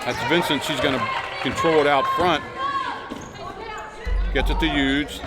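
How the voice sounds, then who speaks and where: A man giving fast live sports commentary on basketball in clipped, folksy, informal phrases. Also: a little high, steady tone. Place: large indoor school gymnasium, from the stands. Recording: loud crowd and gym noise behind. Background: crowd, bouncing basketballs.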